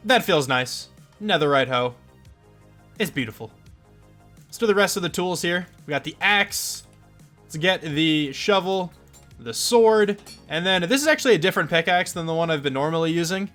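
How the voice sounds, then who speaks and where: A young man with a fairly high voice talks through his gameplay in a loose, rambling way, full of likes and ums. He sounds stuffed up and congested. Faint music plays underneath. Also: animated, moderate pace, pauses often, a bit bright. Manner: chatty, rambling, lots of fillers. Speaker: gaming channel host. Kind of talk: casual let's play commentary.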